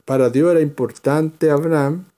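A man's voice: a little high, fairly even intonation, moderate pace, dark tone. A man leading a verse-by-verse Bible study, explaining and calling on readers by name.

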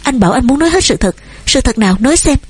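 A woman voicing a headstrong young daughter who shouts back, shrill and tearful, with a husky voice. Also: animated, fast talker, no echo. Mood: defiant.

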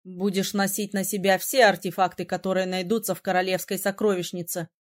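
A woman reading an audiobook, voicing a calm, teasing young male prince with a slightly lower, softer voice. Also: brisk, natural voice. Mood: gentle amused.

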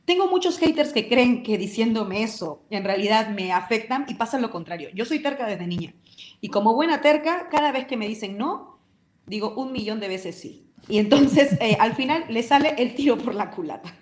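A woman speaking as a guest in an interview, talking in an emphatic and expressive way. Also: on the high side, moderate pace, roomy sound. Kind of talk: casual interview talk.

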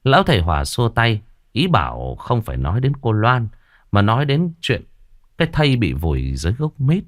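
A man narrating a ghost story audiobook in an expressive, dramatic manner. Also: fairly low pitch, a little fast, no room sound, studio quality.

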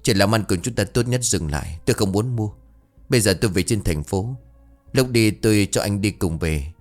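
Man playing a curt, accusing middle-aged businesswoman, low-pitched, for a spoken ghost story. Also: expressive, brisk, soft background music, lightly acted. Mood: stern.

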